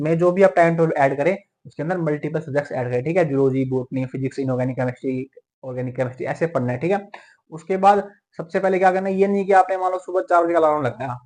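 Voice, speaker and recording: A young man giving a motivational talk to exam students, tagging nearly every point with a quick "theek hai". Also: fairly high pitch, darkish tone. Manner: fast, repeats "theek hai" as a tag. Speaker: medical entrance exam mentor.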